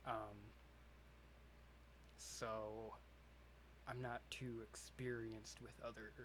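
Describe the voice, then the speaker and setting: A young man co-hosting a podcast in casual chat, giving dry, low-key replies. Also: flat delivery, very slow, fairly bright tone, slight background noise. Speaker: podcast co-host.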